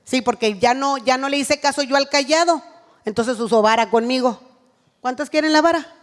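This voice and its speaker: A woman's voice: high-pitched, moderate pace, big-room sound. A woman giving an earnest sermon at a women's church retreat, acting out what a mother says to her child.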